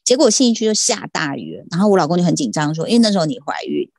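A middle-aged woman, hosting a podcast and telling stories in a lively way, acting out other people's lines. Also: on the low side, racing, dry recording, clean studio sound. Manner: animated, mimics others in quotes. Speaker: podcast host. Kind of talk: casual chat, storytelling.

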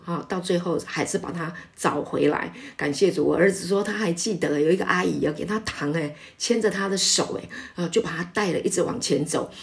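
A middle-aged woman pastor, preaching a sermon in an emphatic way, with many "ah" fillers between phrases. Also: lowish voice. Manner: warm, emphatic preaching with frequent filler sounds.

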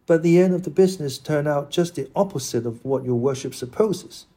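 A man's voice: a little high, brisk, warm tone. A man voicing an aggrieved young servant lad who pleads and complains, in an audiobook. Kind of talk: audiobook character reading.

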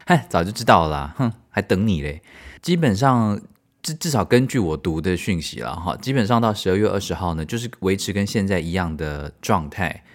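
A man with a Taiwanese Mandarin accent hosting a podcast in a chatty, expressive, casual solo style. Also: deep voice. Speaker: podcast host.

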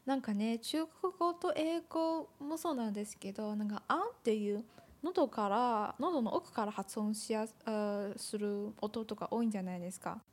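A woman hosting a casual chat, a non-native speaker whose first language is Chinese, speaking politely and thoughtfully with gentle backchannels. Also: fairly high pitch, moderate pace. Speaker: host.

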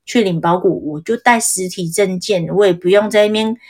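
A woman's voice: mid-range voice, moderate pace. A woman hosting a live podcast, chatting casually and expressively with the listeners and laughing now and then. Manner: expressive, giggly, addresses listeners directly. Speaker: podcast host.

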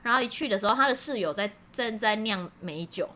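Give me a lively, fast-talking woman podcast host telling stories. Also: mid-range voice. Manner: lively storytelling. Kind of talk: casual chat.

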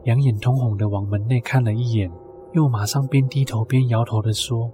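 A man tells a scripted ghost story in the first person. His voice is medium in pitch, and music plays behind him as he narrates. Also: steady tone, a little fast.

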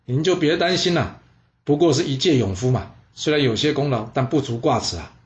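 A man voicing a shrewd ancient minister, coaxing and smoothly persuasive. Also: medium pitch, lively intonation, fairly quick, lightly acted. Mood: reassuring. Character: shrewd, smooth-talking male chief minister. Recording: dull lo-fi sound.

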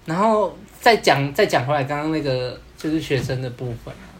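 A man's voice: fairly high pitch, lively intonation, a little fast. A man co-hosting a podcast in casual chat, rambling and often repeating himself. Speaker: podcast co-host.

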